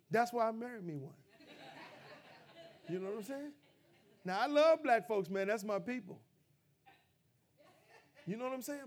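A middle-aged male pastor preaching a sermon, rising to loud, emphatic peaks and dropping to low, quiet asides.

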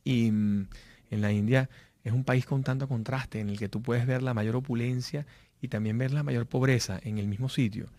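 A man's voice: mid-range voice, fairly even intonation, moderate pace, warm tone, no echo. Man, motivational business speaker, anecdotal and casual, dry recording. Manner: storytelling, frequent fillers and restarts.

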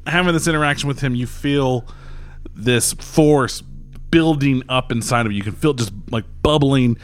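A man's voice: mid-range voice, normal speed. Laid-back male game master, loose and profane, light music bed. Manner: loose, laughing, swears freely. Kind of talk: narrating a tabletop game.

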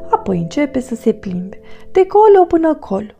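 A woman reads a children's storybook aloud with lively, expressive storytelling. Her voice sits fairly high and moves a lot, with soft music in the background. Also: vocal fry. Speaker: narrator.

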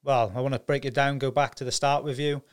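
A man's voice: mid-range voice, little pitch movement, quick pace, clean tone. A man hosting a podcast interview, matey and casual, swearing now and then. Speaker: podcast host.

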